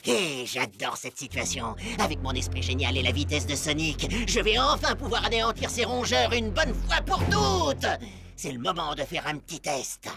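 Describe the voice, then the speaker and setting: A man's voice: on the high side, big pitch swings, moderate pace, creaky. A vain cartoon schemer passing himself off as a hero. His delivery is theatrical and gloating, with wildly swooping intonation. Prominent music plays behind him. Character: scheming vain villain posing as a heroic hedgehog. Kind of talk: animated series dubbing.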